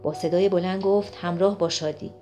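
A woman's voice: on the low side, fairly even intonation, warm tone. A woman reading a story aloud as narrator, voicing the characters' lines in close to her own voice. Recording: faint music behind the voice.

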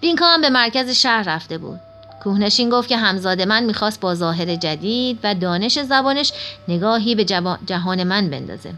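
A woman reading a first-person children's story aloud at a steady pace. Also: mid-range voice, soft background music. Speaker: audiobook narrator.

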